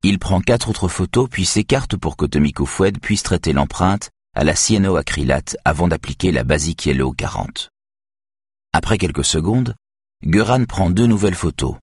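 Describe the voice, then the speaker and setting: A man reading a crime novel aloud as narrator, in a steady, even way. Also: sits low, moderate pace, husky, no room sound, studio quality. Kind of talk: audiobook narration.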